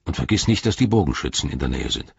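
A man voicing a gruff soldier in an audiobook, giving low whispered warnings. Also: lively intonation, fast talker, dry recording, lo-fi sound, exaggerated voice. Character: gruff male soldier, grumbling.

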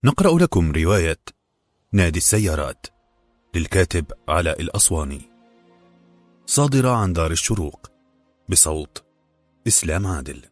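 A man reading a novel aloud in measured, expressive narration. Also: deep voice, no echo, soft background music. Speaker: audiobook narrator. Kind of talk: scripted narration.

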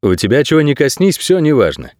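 An irritable male shapeshifter stuck in a human body, snapping short sharp questions, as the narrator plays him. The voice stays close to the man's own, with a lively pitch. The sound is dry and close to the microphone. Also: fairly quick, no echo, close to an everyday voice. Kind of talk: audiobook character voice.

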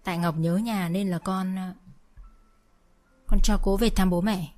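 A woman voicing a nervous, evasive young husband who speaks in a hesitant, halting way for a told story. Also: medium pitch, fairly even intonation, a little mellow, faint music behind, lightly acted.

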